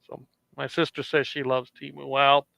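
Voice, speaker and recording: A man's voice: medium pitch, monotone, moderate pace, creaky, fairly bright tone, no room sound. A man co-hosting a podcast in casual chat, rambling and chuckling often. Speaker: podcast co-host.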